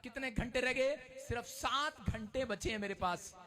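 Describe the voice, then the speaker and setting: A male pastor preaching an emotional sermon, often shouting. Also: extremely high pitch, normal speed.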